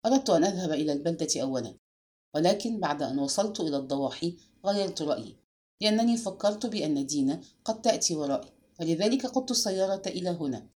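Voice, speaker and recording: A woman reading aloud and voicing a frightened young man accused of murder, in a low, strained and sullen way. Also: lively intonation, brisk, dark tone, close to an everyday voice. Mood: tense, sullen.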